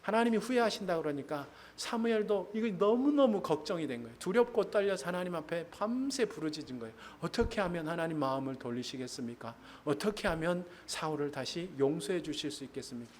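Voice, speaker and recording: A man's voice: fairly high pitch, lively intonation, fairly quick, hardly any pauses, slight background noise. A male pastor preaching to his congregation in church, often asking them questions. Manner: addresses congregation with questions, laughs. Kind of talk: sermon.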